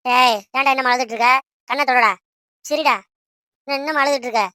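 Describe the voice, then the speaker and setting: A high, bright cartoon mother who is always scolding. She rattles along at speed, nagging and bossing her family about, as a woman acts her out. The sound is dry and close. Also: fairly even intonation, brisk, no echo. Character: bossy scolding mother of grown children. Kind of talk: Tamil cartoon voice acting.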